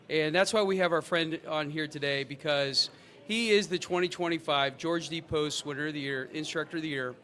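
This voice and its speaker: A man hosting a fire service podcast, talking with many pauses and restarts. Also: fairly high pitch, bright, forceful tone. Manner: halting, many fillers and restarts. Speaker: podcast host. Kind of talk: casual podcast chat.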